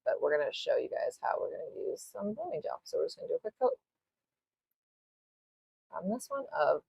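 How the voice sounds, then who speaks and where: A woman's voice: lowish voice, sing-song, a little fast, vocal fry, darkish tone, husky, no room sound, lo-fi sound. A woman hosting a live nail art tutorial, chatting casually as she works, rambling, apologizing and swearing a little. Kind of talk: live-stream tutorial chat.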